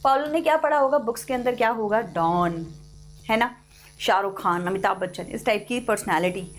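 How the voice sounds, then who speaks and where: A woman teaching an online class, explaining a story in Hindi and reading the English lines out slowly and deliberately. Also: mid-range voice, animated, slight background noise.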